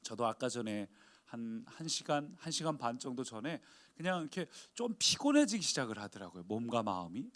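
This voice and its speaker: A man's voice: mid-range voice, very animated, fairly quick, a bit bright. A male pastor preaching a sermon in a conversational way, often putting questions to the congregation.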